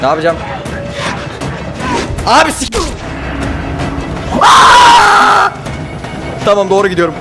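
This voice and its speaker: A man narrates his horror-game run live, slipping from muttered remarks into panicked yelling and swearing. His voice sits high and swings wildly in pitch. Clear game music plays underneath him. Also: expressive, fairly quick, pauses often. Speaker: gamer playing a horror game. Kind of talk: live gameplay commentary.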